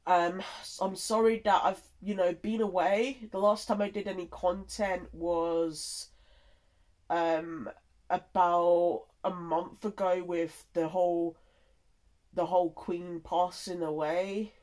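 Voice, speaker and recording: Slow, congested nasal voice. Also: medium pitch, little pitch movement, darkish tone. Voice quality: congested, blocked-nose nasal sound. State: tired and unwell with a cold. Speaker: content creator. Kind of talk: casual update to followers.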